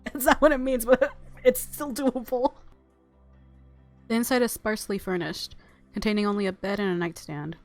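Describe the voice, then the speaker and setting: On a dry recording, a woman with a fairly high, fairly even voice reads visual novel narration at normal speed as a let's play YouTuber, game music behind her. She reacts casually and playfully, often giggling.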